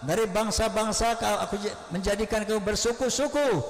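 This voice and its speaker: Old preacher guy in his 70s, high voice, chants the arabic bits, big echoey mosque hall. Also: brisk. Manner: lively preaching, rising into chanted Arabic recitation. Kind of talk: sermon. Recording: roomy hall with long echo.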